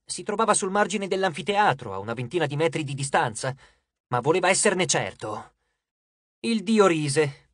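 A man reads an audiobook chapter in a measured, steady way. His voice sits high for a man. The recording is dry and close, with no room sound. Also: dry recording. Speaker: audiobook narrator. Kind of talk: scripted audiobook narration.

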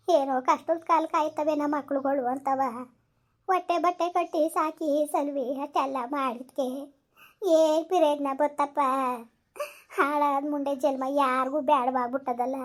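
A woman's voice: high-pitched, natural voice. A woman acting as a crying elderly grandmother left by her children, wailing and pleading. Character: weeping old grandmother abandoned by her children. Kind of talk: village comedy skit acting.

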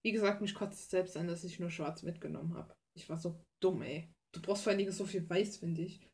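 A young adult German woman, a hobby artist and video creator, rambles casually while painting at a desk in a small room, blunt, slangy and self-deprecating. Her voice is lowish, steady and a little mellow, and she talks fairly quickly.

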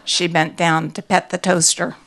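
An American woman reading her own personal story aloud, wry, self-mocking and expressive. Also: lowish voice, normal speed, a little hiss or hum. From United States.

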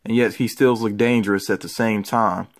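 This toy collecting vlogger has a fairly low voice with fairly even intonation, speaking at a normal pace. He casually presents pieces to viewers indoors, surrounded by shelves of figures.

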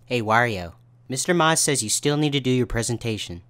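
A man's voice: mid-range voice, expressive, brisk, a bit bright, close to an everyday voice. A man voicing a classmate who passes on a message in a matter-of-fact way.

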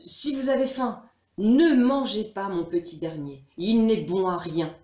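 A woman's voice: medium pitch, unhurried, a little mellow, lightly acted. A woman voicing a clever, coaxing father. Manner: coaxing, reasonable. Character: clever village father, calm and persuasive. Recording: roomy echo.

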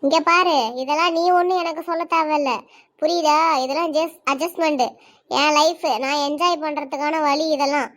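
A spoiled college girl throws off brash, dismissive retorts, as a woman puts her on. Her voice sits high and fairly flat, cartoon drama style. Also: moderate pace. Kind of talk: cartoon voice acting.

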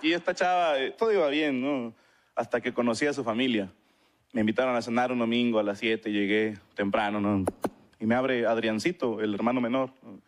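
A man's voice: mid-range voice, a little fast. A man with a Mexican accent doing a stand-up comedy monologue, telling crude slangy stories and acting out the voices in them. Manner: crude slangy storytelling, acts out quoted voices. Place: comedy stage before an audience. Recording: live stage mic with loud crowd laughter. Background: audience laughter.

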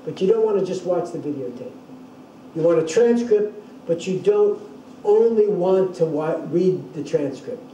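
With a high, warm voice, an older man lectures to a university class, explaining with care and repeatedly restarting his phrasing. The echoey room and distant microphone come with a little hiss or hum.

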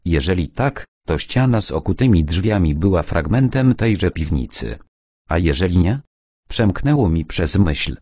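Deep husky male audiobook narrator. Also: no echo, studio quality. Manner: measured storytelling, lively intonation. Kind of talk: first-person audiobook narration.

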